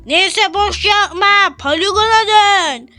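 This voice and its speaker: A young woman voicing a stern male shooting-range teacher in a Minecraft role-play, giving slow, bossy commands. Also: extremely high pitch, bright, forceful tone, soft background music, full character voice.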